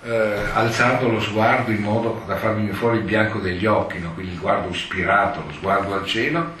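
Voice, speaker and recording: Male lecturer, lowish voice, explanatory and digressive; distant mic in a roomy hall. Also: steady tone, fairly quick, pushed and bright, a little hiss or hum. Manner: digressive, explanatory, with many asides. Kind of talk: lecture, reading and explaining a text.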